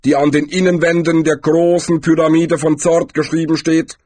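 A man voicing Death as a calm, weary, unhurried figure in an audiobook. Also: a little high, no room sound, voice pushed up, close to an everyday voice.

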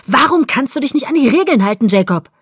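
A woman voicing a hot-headed teenage boy who shouts in high, loud outbursts, in an audiobook. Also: lively intonation, quick pace, husky, no room sound, clean studio sound. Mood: furious. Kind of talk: audiobook character voice.

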